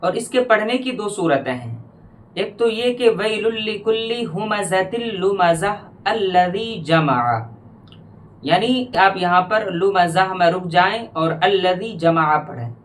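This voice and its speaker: Male tajweed teacher with a high voice, unhurried explanations, verses chanted slowly. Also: lively intonation, a bit bright. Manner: explains rules, then recites verses slowly and drawn out. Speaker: Quran recitation teacher. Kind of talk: tajweed lesson with slow recitation.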